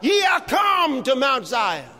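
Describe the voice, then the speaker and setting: A man preaching a fervent sermon, reading scripture aloud, calling out to the congregation and shouting refrains, at times slipping into speaking in tongues. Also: extremely high pitch, wildly swooping pitch, takes it slowly, a crowd in the background, background noise. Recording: long hall reverb.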